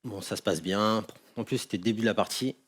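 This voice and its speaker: A man's voice: lowish voice, quick pace, slightly rough. A man on a TV game show, answering bluntly in short phrases and telling a casual story. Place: TV studio.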